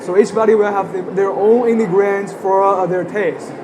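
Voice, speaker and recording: High-voiced man from China, hesitant. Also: steady tone, normal speed. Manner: hesitant, simple phrasing. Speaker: guest. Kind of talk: live comedy sketch on stage. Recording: noisy live stage.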